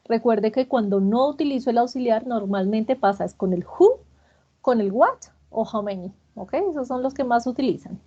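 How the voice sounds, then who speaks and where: Woman English teacher, higher husky voice, patient and encouraging, muffled lo-fi audio. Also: lively intonation, moderate pace, dark tone. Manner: patient, repeats student answers and praises them. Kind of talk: classroom grammar lesson.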